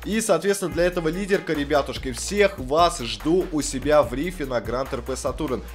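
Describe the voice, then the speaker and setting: A young man giving rowdy, profane gameplay commentary as a video host, swinging between loud yelling, laughing outbursts and calmer chat. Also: fairly high pitch, fairly quick, faint music behind. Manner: rowdy, swearing, bursts of shouting and laughter.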